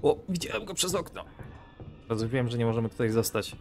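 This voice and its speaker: A man hosting a let's play, excitable and joking, swearing often as he commentates casually. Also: mid-range voice, quick pace, soft background music. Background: game audio.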